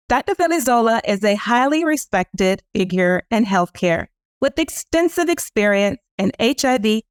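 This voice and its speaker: A woman's voice: fairly high pitch, no echo, clean studio sound. A woman who directs programs, hosting an interview with a formal, polished, scripted delivery. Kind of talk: scripted introduction and interview questions.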